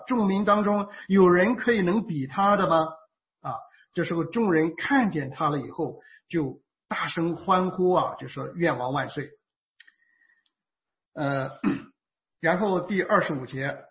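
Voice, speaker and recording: A man giving a Bible teaching sermon, speaking unhurriedly with many fillers and drawn-out particles. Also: fairly high pitch. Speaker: preacher. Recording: muffled lo-fi recording.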